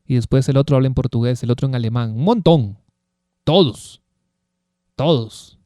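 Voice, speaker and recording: Male preacher, emphatic teaching style, keeps asking rhetorical questions, mellow tone. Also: mid-range voice, moderate pace, no room sound, clean studio sound. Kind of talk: Bible teaching sermon.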